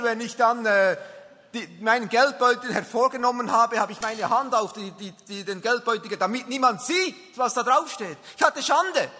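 High bright Swiss German man preaching. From Switzerland. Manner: earnest, emphatic, storytelling. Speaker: lay preacher. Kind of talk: testimony sermon. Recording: long reverb of a large hall.

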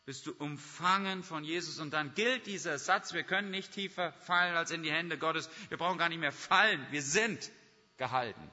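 A man's voice: on the high side, normal speed, bright, forceful tone. A man preaching a sermon, pressing his listeners with repeated rhetorical questions. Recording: long hall reverb, dull lo-fi sound.

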